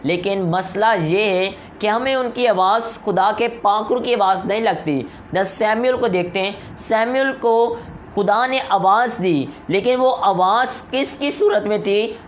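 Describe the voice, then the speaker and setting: A man's voice: high-pitched, unhurried, a little hiss or hum. A man preaching a sermon in an earnest, exhorting way, often asking rhetorical questions and answering them himself.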